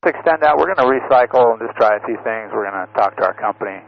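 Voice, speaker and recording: A man, an airline pilot, making clipped, calm radio calls to the tower through his cockpit headset. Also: medium pitch, fast, creaky. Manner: clipped radio phrasing, calm under pressure. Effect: pilot radio call through a cockpit headset. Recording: muffled air-band radio with faint hiss.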